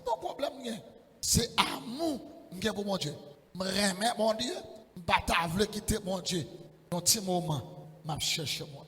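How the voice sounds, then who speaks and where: Male preacher, high voice, passionate sung-out sermon, echoey church hall. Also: expressive, moderate pace. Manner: impassioned, rising into shouted sing-song calls.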